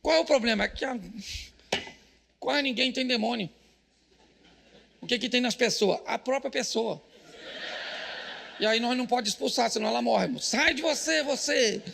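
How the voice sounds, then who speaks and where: A middle-aged man with a Brazilian Portuguese accent preaches live in church, his fairly high voice full of gravel. He's bright and forceful, firing off jokes and calling out to the congregation with shouted punchlines. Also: slight background noise. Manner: jokey, rapid-fire preaching with shouted punchlines and audience call-outs. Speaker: pastor.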